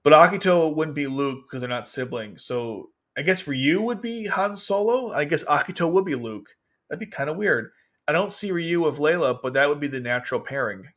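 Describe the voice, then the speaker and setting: Guy streaming anime commentary, mid pitch, gets worked up and loud reading stuff out. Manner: excitable, exasperated, breaks into high outbursts. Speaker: anime commentator reacting to an article and chat. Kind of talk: casual livestream commentary.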